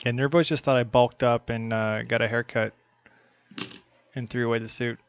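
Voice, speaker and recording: A man's voice: mid-range voice, steady tone, normal speed, clean tone, no room sound. A man commentating a live poker stream, bantering and joking with viewers between hands. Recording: slightly dull stream audio, faint hiss.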